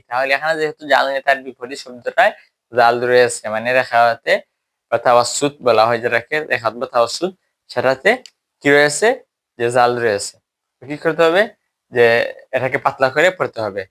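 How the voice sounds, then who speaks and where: A man's voice: mid-range voice, fairly bright tone. Man teaching recitation, answering his own questions. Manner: asks questions and answers them himself; stretches out Arabic words when demonstrating recitation. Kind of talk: classroom tajweed lesson. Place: teaching at a whiteboard.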